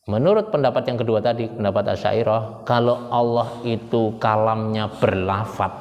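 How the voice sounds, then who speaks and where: A male preacher giving a conversational religious lecture to a congregation, quizzing listeners with quick questions and jumping up in pitch for emphasis. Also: lo-fi sound. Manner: animated, with sudden rises in pitch for emphasis. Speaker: Islamic preacher. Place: hall with a congregation. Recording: reverberant hall, faint background noise.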